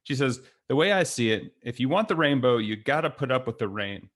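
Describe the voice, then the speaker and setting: A man hosting a podcast, asking his guest friendly, measured questions. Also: medium pitch, lively intonation, a bit bright. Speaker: podcast host. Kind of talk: interview questions.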